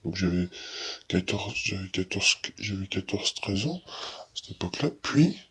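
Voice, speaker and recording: An eighteen-year-old man speaking through a disguised, altered deep voice, giving his opinion in a rambling way with many restarts and repeated words. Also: expressive, a little slow, fairly bright tone, husky. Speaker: YouTuber. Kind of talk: casual opinion monologue.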